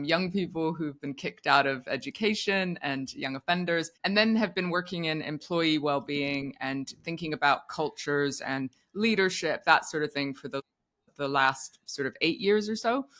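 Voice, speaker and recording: A woman's voice: low-pitched, fairly bright tone. Frank, reflective woman in her forties. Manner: reflective, frank, thinks aloud with fillers. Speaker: guest, psychotherapist. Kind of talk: candid podcast conversation.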